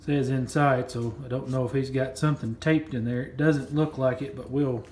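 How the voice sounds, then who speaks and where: A man's voice: medium pitch, steady tone, moderate pace, darkish tone, a little hiss or hum. Chatty man unboxing in an echoey room. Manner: chatty, rambling, repeats words. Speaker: coin collecting vlogger. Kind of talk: casual unboxing chat.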